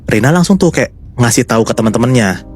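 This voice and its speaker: A man's voice: mid-range voice, animated, a little fast, a little mellow, faint music behind. A man casually telling a horror story to his co-hosts, chatty and building suspense. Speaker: storyteller host.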